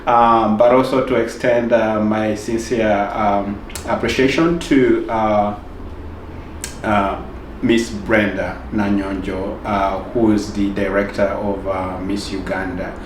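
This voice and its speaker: A man's voice: fairly low pitch, steady tone, slow pace, roomy sound, recorded from a distance, a little hiss or hum. A man hosting a news channel interview on set, talking effusively with many fillers and hesitations. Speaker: interview host. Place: studio set with roomy sound.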